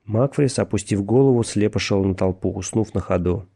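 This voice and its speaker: A man reading a thriller audiobook in a measured, steady narration. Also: lowish voice, slightly rough.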